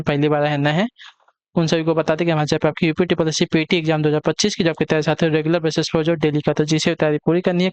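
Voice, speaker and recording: A man's voice: on the high side, clear, resonant tone, no echo. A man teaching an online exam-prep lesson. He repeats each question and answer and keeps checking in with his students.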